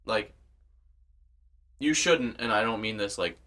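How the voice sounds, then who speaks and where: A man's voice: on the low side, animated, takes it slowly, pushed and bright. A young man hosting a podcast, rambling in laid-back casual chat full of fillers. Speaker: podcast host.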